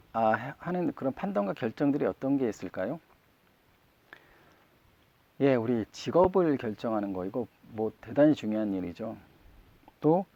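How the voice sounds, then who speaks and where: A male minister delivers a sermon in a relaxed, conversational way, putting questions to his listeners. His voice has a gravelly, creaky edge. The recording is dry and a little muffled. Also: medium pitch, no echo. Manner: conversational, asks the congregation questions. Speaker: Won Buddhist minister.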